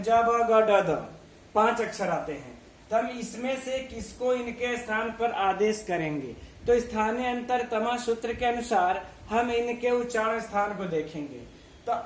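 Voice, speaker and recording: A man giving a grammar lesson, reciting letters one by one and answering his own questions in a slow, methodical way. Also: very high-pitched, a little hiss or hum. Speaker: Sanskrit grammar teacher. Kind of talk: online video lesson. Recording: echoey room.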